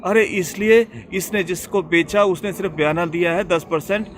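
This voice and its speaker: A man voicing an anxious young second son, urgent and high-strung. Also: huge pitch swings, moderate pace, fairly bright tone, full character voice.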